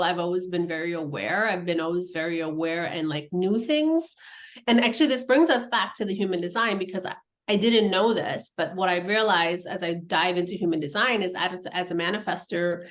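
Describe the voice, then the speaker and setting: Reflective woman guest, lowish voice. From Nepal. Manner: reflective and earnest, many "like" fillers. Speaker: podcast guest. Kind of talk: casual conversational interview.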